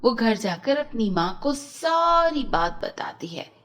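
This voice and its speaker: Children's story narrator, woman, slow, expressive, high lively voice.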